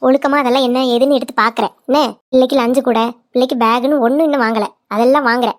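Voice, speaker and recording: A woman's voice: sits high, steady tone, quick pace, no echo, clean studio sound, lightly acted. A woman voicing a scolding older village mother-in-law, in a cartoon. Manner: nagging, scolding. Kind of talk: cartoon voice acting.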